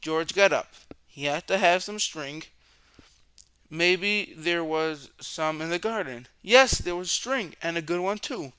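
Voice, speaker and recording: Here a storyteller with a fairly high, smooth voice reads a children's book aloud. He narrates with expression, drags out words, and asks dramatic questions for the young audience, all in a dry recording.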